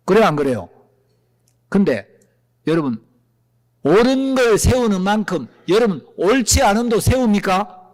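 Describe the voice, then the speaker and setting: A male pastor delivers a sermon in a high, lively voice that swings widely in pitch. He keeps pressing the congregation with rhetorical questions. His voice rings with the long reverb of a church hall. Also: moderate pace, long pauses.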